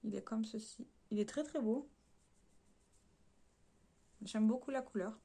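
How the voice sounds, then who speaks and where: Warm, slightly rough, and on the high side, this beauty vlogger's voice moves at an unhurried pace as she casually presents a haul. She speaks straight to viewers while showing swatches, hesitating often and fixing her own wording.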